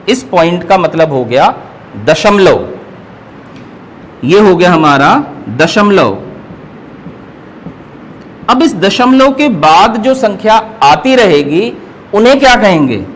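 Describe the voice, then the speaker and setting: A man's voice: sits high, slight background noise, rough recording. A man teaching an online math class. He explains patiently and keeps checking that his students follow. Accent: Hindi, North Indian.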